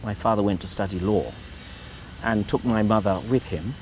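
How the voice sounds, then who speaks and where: With faint traffic in the background, a middle-aged man from Ireland gives a relaxed conversational interview in his home as a priest. He talks at normal speed in a rather low voice, hesitating often, repeating words and using many fillers while reaching for the right words.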